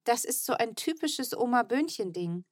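A woman's voice: on the high side, lively intonation, moderate pace, no echo, studio quality, pitched above the performer's own voice. A woman reading a tender, touched mother. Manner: soft, touched. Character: tender, emotional mother of the family.

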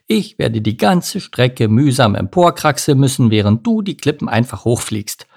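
A grumpy little storybook bird who mutters and sulks about having to walk, voiced by a male narrator. His gravelly, husky voice swings between low grumbles and indignant squawks. The tone is gently comic, for children. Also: big pitch swings, moderate pace, heavily acted. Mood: grumbling. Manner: grumbling and self-pitying.

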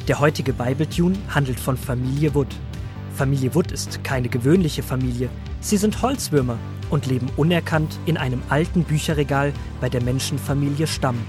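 A man narrating a children's Bible story in a calm, clear storytelling manner. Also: mid-range voice, normal speed, over music.

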